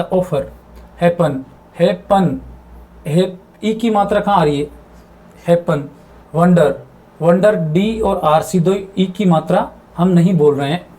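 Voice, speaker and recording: Male grammar teacher with a high, mellow voice who repeats terms and quizzes himself aloud. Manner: repeats words and asks himself questions; mixes English terms into his explanations. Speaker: English teacher. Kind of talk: explaining grammar in a video lesson.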